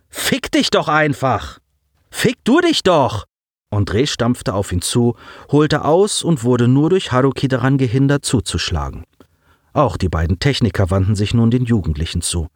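Lively male audiobook narrator, dry sound. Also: on the low side, no echo. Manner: expressive, lively reading.

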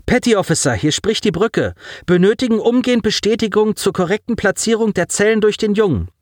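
A man's voice: high-pitched, animated, a little fast, a little mellow, dry recording, clean studio sound, voice pushed up. A man doing an urgent female bridge officer. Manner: urgent, protesting.

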